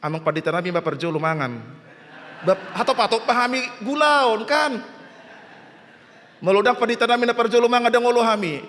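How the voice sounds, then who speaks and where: Batak-accented male pastor, lively sermon, bright high voice, reverberant hall. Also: a little fast, pauses often. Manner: animated preacher, mixing languages, acting out voices in a story. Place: church hall. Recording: long church hall reverb.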